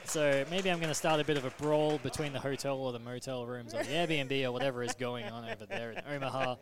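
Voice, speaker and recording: A man with an ordinary mid-pitched voice calls a league draft in a loose, chatty way. He reads out player stats and names, often laughing between them. He sounds like a relaxed commentator at a studio mic. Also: fast talker, crowd noise. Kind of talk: casual sports commentary.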